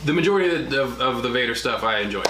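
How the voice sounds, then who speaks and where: A man chatting casually and excitedly as host of a group review, rambling as he goes. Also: mid-range voice, rapid-fire. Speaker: host of a drunk movie review show. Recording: echoey room with clear background hiss.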